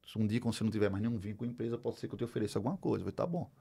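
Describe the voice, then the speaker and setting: Brazilian man, middle-aged, rapid storytelling, gravelly husky voice, acts out dialogue. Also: on the low side. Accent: Brazilian Portuguese. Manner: animated, acts out dialogue, many fillers. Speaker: podcast guest. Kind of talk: storytelling in a casual interview.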